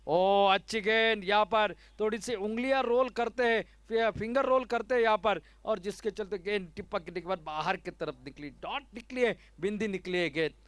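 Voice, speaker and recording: A man's voice: sits high, moderate pace, hardly any pauses, fairly bright tone, smooth, no room sound. A man with an Indian accent giving live ball-by-ball cricket commentary.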